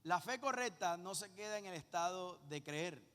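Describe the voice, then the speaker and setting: A man's voice: sits high, expressive, normal speed, a bit bright. A man, preaching a sermon in a conversational, teasing way full of punchy rhetorical questions. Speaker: pastor. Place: large church auditorium. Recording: echoey church hall with faint music.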